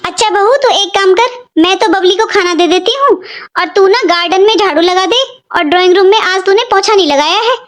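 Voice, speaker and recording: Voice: extremely high pitch, fairly quick, a bit bright. A performer voicing a harsh, bossy middle-aged mother-in-law who taunts her daughter-in-law in a cartoon story. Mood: scolding. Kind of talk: animated cartoon voice acting.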